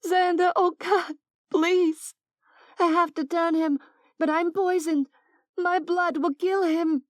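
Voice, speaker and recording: A frantic female vampire with a high, strained voice and a desperate, pleading way of talking, voiced by a woman reading an audiobook. The recording is close and dry. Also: unhurried, dry recording.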